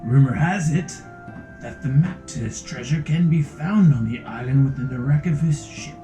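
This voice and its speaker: A man voicing a smooth-talking male treasure hunter in a tabletop game, his accent drifting from cowboy to Scottish to Irish as he flatters and pitches a deal. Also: normal speed, reverberant, soft background music, close to an everyday voice. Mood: conspiratorial. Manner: persuasive, flattering sales pitch.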